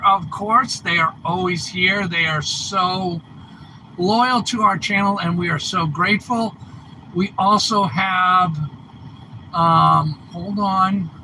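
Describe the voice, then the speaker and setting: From inside a truck, a homestead channel host chats his way through a casual phone live stream, rambling and fumbling with his gear. A lingering cough leaves him a bit congested. His voice is high and sharp-toned, and the hand-held phone camera gives low-quality audio with a little hiss or hum.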